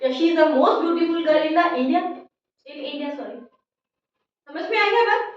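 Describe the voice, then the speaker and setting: A woman teacher explaining grammar slowly in a classroom lesson, often checking whether her students have understood. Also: high voice, animated, a little hiss or hum. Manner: addresses listeners as "beta" in a motherly teacher way. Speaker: English teacher. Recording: echoey room, distant mic, dull sound.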